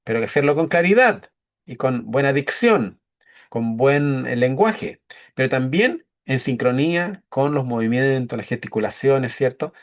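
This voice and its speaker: A man leads a leadership course in an easy, conversational lecture. His voice sits at an ordinary middle pitch. He keeps checking in with his listeners and acts out brief quoted exchanges to make his points. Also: expressive, unhurried. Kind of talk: classroom-style lecture.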